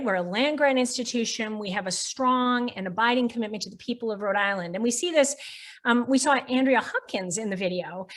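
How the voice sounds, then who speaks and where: A woman's voice: a little high, a bit bright. A woman hosting a question-and-answer session, articulate and playful as she leads into her questions. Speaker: host. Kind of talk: hosting a live Q&A.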